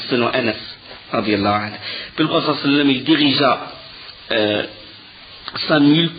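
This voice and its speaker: A man's voice: on the high side, lo-fi sound, a little hiss or hum. A man giving a lecture, telling the story with animation, often restarting his sentences and using fillers. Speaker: teacher of religious history. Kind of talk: recorded lecture retelling a story.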